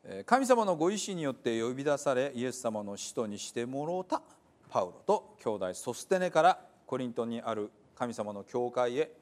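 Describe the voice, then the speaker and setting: A man's voice: medium pitch, very animated, normal speed, darkish tone. A man reading scripture aloud in a Hiroshima dialect, earnest and emphatic.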